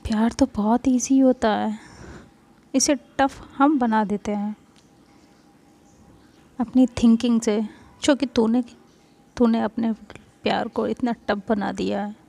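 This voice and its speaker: Woman voicing young woman friend, scolding, coaxing, husky fry, slow delivery, spoken story. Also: a little high, fairly even intonation, dark tone, full character voice. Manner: scolding, pushing her friend.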